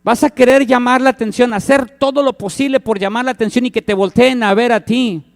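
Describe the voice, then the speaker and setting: A man's voice: very high-pitched, fairly even intonation, fairly quick. A man, preaching a sermon as pastor, who acts out the cries and quoted voices in his story.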